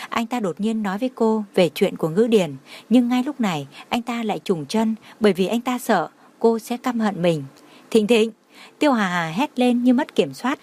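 A woman narrating an emotional audio story in a steady, dramatic reading manner. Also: on the high side.

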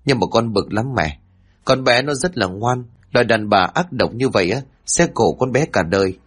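A man's voice: mid-range voice, animated, normal speed, breathy edge. A man voicing a level-headed grown son who firmly rebukes a neighbor. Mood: reproachful. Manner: firm, reproachful. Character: level-headed adult son, restrained anger.

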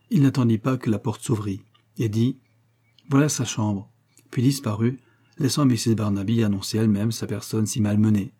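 Mellow husky male audiobook narrator. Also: on the low side. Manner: measured storytelling.

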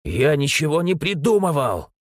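Man doing a bitter betrayed young man, husky, dry audiobook sound. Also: fairly high pitch, sing-song, moderate pace, no room sound, pitched above the performer's own voice. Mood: furious. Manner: bitter, shouting then quiet.

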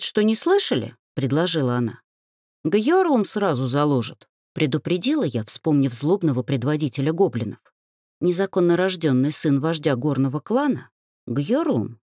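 A woman narrates a fantasy storybook with an expressive reading. Her voice sits low but moves lively through the lines, recorded dry and close with no room sound. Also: breathy edge, no room sound. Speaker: audiobook narrator.

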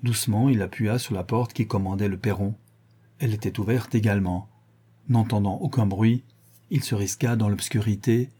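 A man narrating an audiobook in a measured, even reading. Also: fairly low pitch, slightly rough.

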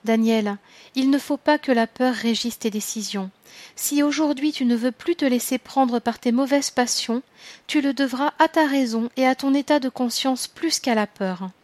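A woman voicing a wise, gentle male spirit guide in an audiobook, speaking patiently and gently admonishing. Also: high-pitched, moderate pace, no echo, close to an everyday voice.

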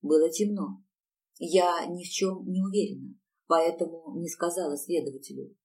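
A woman reading the part of a timid neighbour woman who speaks quietly and hesitantly, picked up from a distance. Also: on the low side, steady tone, normal speed, natural voice. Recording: distant mic.

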